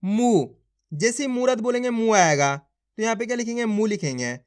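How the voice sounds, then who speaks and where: A man's voice: sits high, animated, moderate pace, clean tone. A man teaching Hindi reading, sounding out words syllable by syllable and quizzing his viewers as friends. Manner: addresses viewers as friends, urging them to try. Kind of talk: slow spelling-out lesson.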